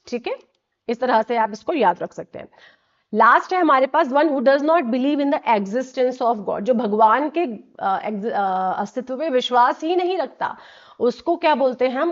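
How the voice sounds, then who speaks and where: Woman teaching English words, lo-fi. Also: a little high. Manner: explains slowly, repeats key words, checks in with "ठीक है". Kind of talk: vocabulary lesson. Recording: dull lo-fi audio.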